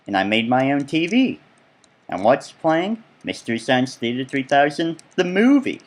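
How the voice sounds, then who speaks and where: A man's voice: mid-range voice, very animated, normal speed. A man giving casual, rambling gameplay commentary as he tours his own build, full of chatty asides. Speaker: let's play gamer.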